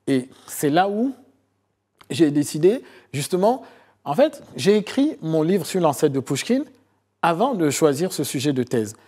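A middle-aged man from Côte d'Ivoire talks through his past as a guest in a TV studio. His voice is husky and mellow, set a little high for a man. He tells it as a long story, pausing on fillers and circling back over phrases. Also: big pitch swings. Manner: long storytelling answers with many hesitations and repeated phrases. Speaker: historian and author guest. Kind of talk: TV interview, recounting his research.

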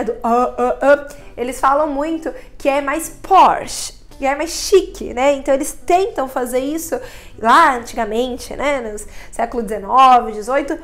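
A woman from Brazil giving a chatty English pronunciation lesson, sounding out vowels as she explains. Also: high voice. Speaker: English teacher. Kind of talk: casual video lesson.

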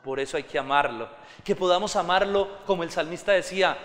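A man preaches with a high, bright, ringing voice that carries through a reverberant church hall. His sermon is passionate and climbs to fervent peaks. He acts out everyday scenes along the way. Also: brisk. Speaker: pastor.

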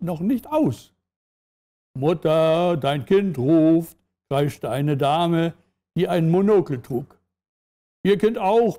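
A man hosting a literature talk show, speaking deliberately with fillers and reading a passage aloud. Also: a little high, warm tone.

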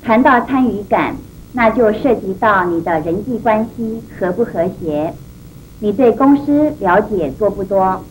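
A woman presents etiquette advice in a formal, measured way. Her mid-range voice has a Taiwanese Mandarin accent, recorded on dated videotape with faint background noise. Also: mid-range voice, expressive, rough recording. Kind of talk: formal scripted instructional address. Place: furnished indoor set at a desk.

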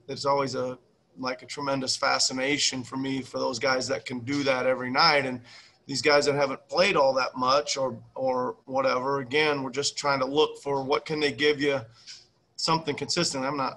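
Over a webcam video call, this middle-aged head basketball coach answers post-game press questions from a small room with a team backdrop behind him. His mid-range voice has a sharp tone, little pitch movement, and normal speed, captured on a rough recording. He rambles, repeating words and starting sentences over.

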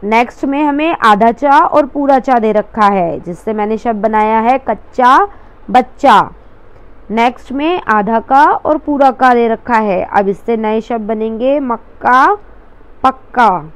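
A woman's voice: fairly high pitch, slow pace, clean tone. A woman teacher explaining a worksheet to children step by step, patiently repeating each word.

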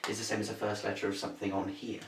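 Young man, jokey co-tutor, lowish voice, distant mic in an echoey room. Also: flat delivery, rapid-fire. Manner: chatty, jokey explaining. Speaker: revision video co-host. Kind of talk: casual tutoring chat. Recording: echoey room, mic far off, faint hiss.

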